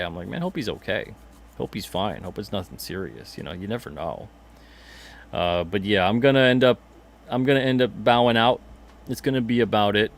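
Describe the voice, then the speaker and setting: A man hosting a casual livestream, chatting loosely, repeating himself and reading out viewer comments. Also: on the low side. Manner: chatty, rambling, repeats himself, reads chat comments aloud. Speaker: podcast host and comic publisher.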